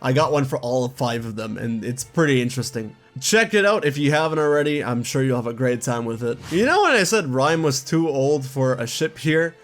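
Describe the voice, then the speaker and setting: A man chatting casually in his own commentary video, quick asides and laughing at his own jokes. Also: medium pitch, expressive, faint music behind. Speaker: YouTube gaming commentator.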